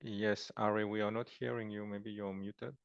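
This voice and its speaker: A man moderating a webinar over a video call, speaking formally with frequent filler pauses. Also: lowish voice, flat delivery, gravelly, no room sound, highs cut off. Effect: heard over a video call.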